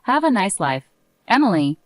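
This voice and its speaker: A woman's voice: medium pitch, big pitch swings, moderate pace, dry recording, lightly acted. A woman voicing a young wife reading out a cool, defiant farewell letter in a story.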